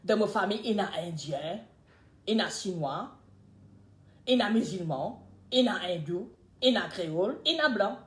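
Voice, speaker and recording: The host of this casual live chat is an older woman with a Mauritian accent who spins lively stories, alternating loud and soft speech. She talks at a moderate pace in a medium pitch and leaves long pauses. A roomy echo colors the sound.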